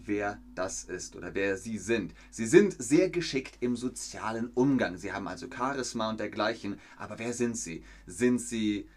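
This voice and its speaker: A man's voice: on the low side, animated, moderate pace, few pauses. A man chatting casually on a live stream, reading viewer comments aloud with many hesitant fillers. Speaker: streamer hosting a fan quiz.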